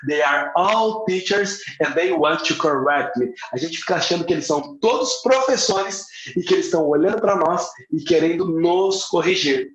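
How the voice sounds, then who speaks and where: A middle-aged Brazilian man with a Brazilian accent and a voice that sits high teaches English in a live online class, saying phrases in English and then repeating them in Portuguese while stretching key words for emphasis. The room is echoey and the sound slightly dull.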